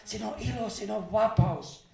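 Guy preaching, high gravelly voice, fervent, lots of hallelujahs, echoey church hall. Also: darkish tone. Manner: fervent, exclaims hallelujah, laughs between phrases. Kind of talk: charismatic sermon.

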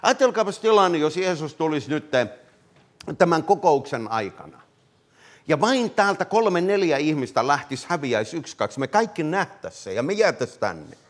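A man preaching a fervent revivalist sermon, swinging from loud calls to hushed words and often addressing listeners directly. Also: a little high, very animated. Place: meeting hall.

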